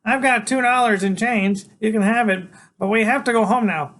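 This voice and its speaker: A small storybook boy, acted out by a man, high-pitched and nervous. He is formally polite and wordy, stammering a little as he speaks. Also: moderate pace, a bit bright. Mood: anxious.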